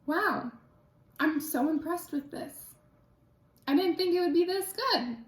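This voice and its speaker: A young woman hosting a casual cooking vlog from her home kitchen, chatty and quick to laugh, with plenty of "like" in her talk. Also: very high voice, lively intonation. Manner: chatty, laughs easily, says "like" often. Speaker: cooking channel host. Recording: echoey kitchen.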